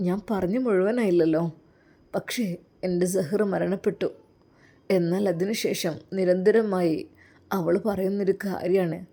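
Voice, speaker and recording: A woman voicing a gentle, widowed male religious teacher who talks in a soft, coaxing, reassuring way. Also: fairly low pitch, fairly even intonation, a little slow, long pauses. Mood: earnest. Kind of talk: audio story drama.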